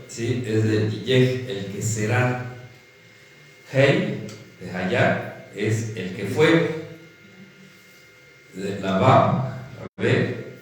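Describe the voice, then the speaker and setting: A pastor with a Mexican Spanish accent and a mid-range voice delivers a teaching sermon, calling his listeners "hermanitos" and repeatedly checking in with "¿sí?" He's picked up by a distant mic in an echoey hall, with faint ambience and slight background noise.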